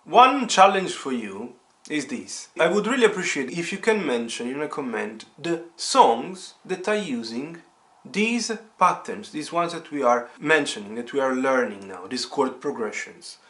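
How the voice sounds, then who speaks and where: Very animated yet measured in pace, this man's mid-range voice comes across bright and forceful. He's giving a casual instructional session at the piano, explaining step by step with repetition as the instrument plays.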